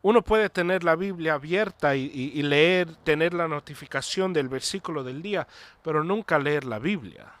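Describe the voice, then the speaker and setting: A man's voice: on the high side, moderate pace, a bit bright, no room sound. A man preaching a sermon earnestly, repeating himself and restarting phrases, with an English word slipped in now and then. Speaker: pastor.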